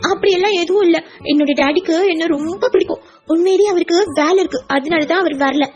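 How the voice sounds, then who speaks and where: Woman putting on a little girl, stubborn, childlike pleading, high voice, audiobook. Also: quick pace, darkish tone, soft background music. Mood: defiant. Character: small girl, stubborn and hurt. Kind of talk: audiobook character voice.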